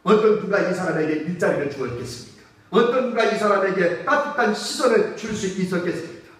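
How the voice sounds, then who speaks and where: High-voiced male pastor in an echoey hall. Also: animated, brisk, fairly bright tone. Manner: emphatic preaching with rhetorical questions to the congregation. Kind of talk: sermon. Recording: echoey church hall from far off.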